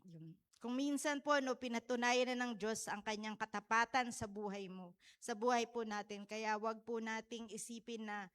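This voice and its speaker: A woman's voice: a little high, normal speed, a bit bright. A woman, sharing a heartfelt message at a church service and often checking in with her listeners. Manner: heartfelt, tag-questioning, tearful in places. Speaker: church speaker.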